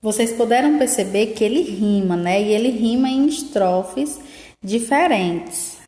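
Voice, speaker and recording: A woman's voice: fairly high pitch, lively intonation, unhurried, dark tone. A woman teacher explaining a lesson, often checking in with tag questions. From Northeast Brazil. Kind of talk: remote school lesson. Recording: echoey room with long reverb.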